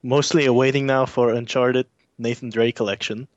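A man's voice: mid-range voice, level tone, moderate pace, no echo. Male podcast co-host, mid-range voice, conversational. Close, dry sound, a little lo-fi. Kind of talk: casual chat.

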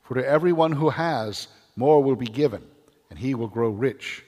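A cleric reading the Gospel at Mass with a measured, solemn delivery, his voice ringing in a cathedral echo. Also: medium pitch, warm tone. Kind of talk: liturgical Scripture reading. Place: large church. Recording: long church reverb.

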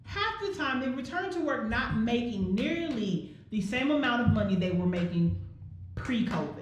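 A woman's voice: a little high, expressive, normal speed, very echoey, a little hiss or hum. Heated, blunt woman podcast co-host. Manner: blunt, heated, swears freely. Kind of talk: casual podcast chat.

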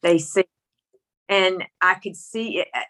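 A middle-aged woman with a Mississippi Southern country accent tells a personal story in conversation. Her voice sits a little low and has a bright, forceful edge. She speaks candidly and folksily, repeating phrases for emphasis. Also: a little slow. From Mississippi, rural United States. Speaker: interview guest telling her story.

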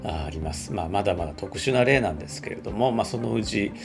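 Male computer scientist, low gravelly voice, measured explanatory delivery with fillers. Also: expressive, over music. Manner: measured, with frequent filler words. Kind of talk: explanatory talk.

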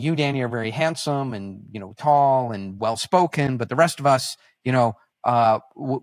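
A man of middle pitch, speaking as a podcast guest in an animated storytelling manner. He often stops mid-phrase to correct himself, and the recording is dry and close with no room sound. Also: no room sound. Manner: halting, self-correcting, animated anecdotes.

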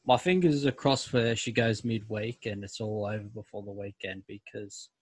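A man's voice: fairly low pitch, fairly even intonation, moderate pace, a little mellow, slightly rough, no room sound. An Australian man hosting a casual club podcast, laid-back and calling people mate. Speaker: podcast host.

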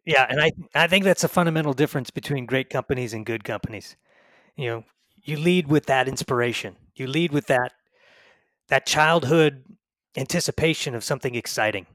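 A man's voice: medium pitch, a little fast, fairly bright tone, dry recording, clean studio sound. A man speaking reflectively in a casual conversation, with a few restarts.

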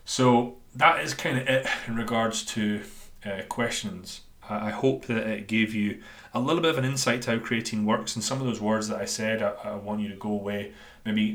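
A man's voice: on the low side, fairly bright tone. A man with a Dundee Scottish accent talking casually and informally as a solo podcast host and coach, rambling a little and self-deprecating. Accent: Dundonian Scottish. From Scotland. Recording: roomy, echoey sound.

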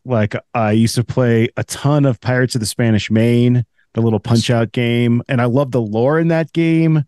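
A man's voice: medium pitch, a little mellow, no echo, studio quality. A man talking as a podcast guest, telling a long story in a rambling, casual way full of restarts. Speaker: podcast guest, game designer.

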